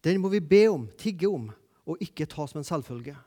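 High-pitched guy preaching, repeats himself for emphasis, gets loud then hushed. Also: animated. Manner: emphatic, repeats key phrases, rises and drops sharply in loudness. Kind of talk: sermon.

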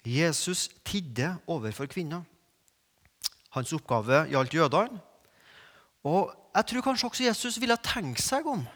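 Man, preacher, sermon, fairly high voice, emphatic rising peaks, long church reverb. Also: lively intonation, a bit bright. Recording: long reverb of a large hall.

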